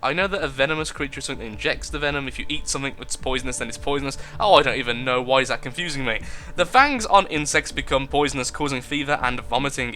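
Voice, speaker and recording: A man's voice: mid-range voice, sharp tone. A young man chatting through a game in a casual, jokey way, reading the on-screen text aloud. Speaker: gaming video host. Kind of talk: casual gameplay commentary.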